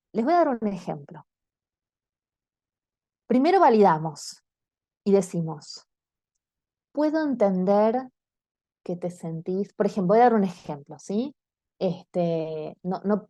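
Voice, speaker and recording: A woman's voice: mid-range voice, mellow, no room sound. Argentine woman speaking to parents. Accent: Argentine Spanish. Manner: engaging, often checks in with the audience. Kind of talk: online talk to parents and teens.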